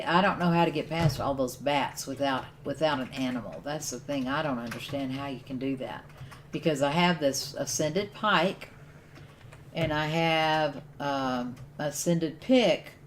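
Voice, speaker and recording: A woman's voice: low-pitched, a little slow, a little hiss or hum. A woman streaming a survival game, giving casual commentary and thinking aloud as she plays. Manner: thinks aloud while playing, with restarts and laughs.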